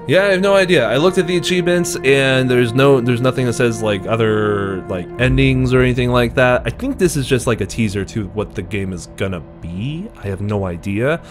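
A young man giving profane, excitable let's-play commentary, self-mocking and jumpy at scares. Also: mid-range voice, fairly quick, few pauses, over music. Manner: excitable and profane, yelping in sudden alarm. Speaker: gaming video host.

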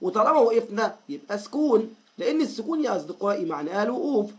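Egyptian man, high-pitched, children's reading teacher, slow stretched-out word drills, warm praise. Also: sing-song. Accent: Egyptian Arabic. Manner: drawn-out, syllable-by-syllable word drills; addresses the class warmly, frequent praise. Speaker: primary school teacher.

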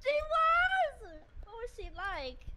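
A woman's voice: very high voice, big pitch swings, slow, over a noisy crowd. A woman playfully teasing and joking in casual roleplay banter. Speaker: roleplay player.

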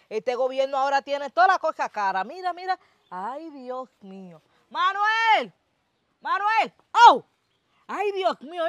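A woman's voice: sits high, dry recording. A woman playing a distraught farm worker who cries and pleads, in an amateur short-film drama. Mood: despairing. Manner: wailing, pleading, calls on God. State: crying. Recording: dull lo-fi dry recording.

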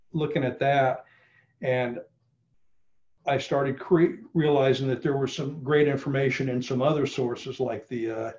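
A man's voice: mid-range voice, darkish tone. Middle-aged guy giving a talk on a video call from a room at home, casual with lots of uhs, kinda dull audio. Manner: casual, many fillers and restarts. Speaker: genealogy presenter. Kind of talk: online presentation talk.

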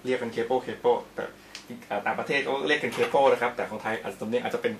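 A man's voice: medium pitch, steady tone, fast talker, a little hiss or hum. A man teaching in a casual instructional video, chatty and polite, explaining each step while he demonstrates on the guitar and records himself on his own camera. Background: guitar playing.

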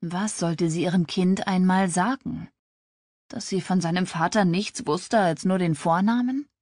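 A woman narrating a romance audiobook in a steady storytelling manner, recorded on a close studio mic. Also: on the low side, a little slow, no room sound. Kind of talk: scripted narration.

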